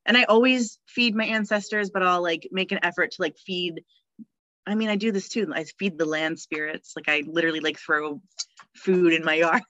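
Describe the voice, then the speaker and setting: A woman's voice: on the low side, steady tone, normal speed, fairly bright tone, no room sound, muffled recording. Chatty, cheerful woman. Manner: chatty, cheerful, laughs often, many fillers. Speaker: podcast guest, death midwife. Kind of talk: casual podcast conversation.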